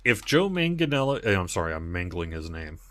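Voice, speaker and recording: A man with a low but bright voice hosts a game stream. He chats casually and haltingly, thinking aloud as he plays and responds to viewers. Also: big pitch swings. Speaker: livestream host. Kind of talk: casual chat while playing, answering viewers.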